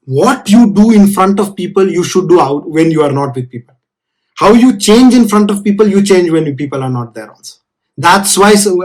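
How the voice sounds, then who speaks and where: A man's voice: sits high, rough recording. A man with a South Indian accent giving an informal spiritual discourse as a teacher, earnest and repeating phrases for emphasis.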